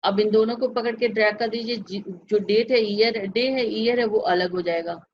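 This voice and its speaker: A woman's voice: mid-range voice, moderate pace, muffled recording, a little hiss or hum. A woman teaching a computer class, patiently walking through each step and checking that the class follows. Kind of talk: step-by-step software lesson.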